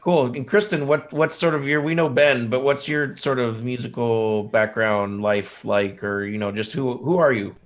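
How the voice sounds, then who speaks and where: A man's voice: medium pitch, normal speed, hardly any pauses. Chatty male co-host of a live show. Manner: loose, chatty, joking. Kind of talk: casual live show chat.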